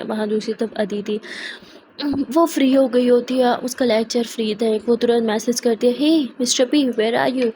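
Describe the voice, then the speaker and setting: A woman's voice: on the high side, warm tone, a little hiss or hum. A woman narrating a love story in a chatty, casual storytelling way. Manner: chatty, mixes in English phrases.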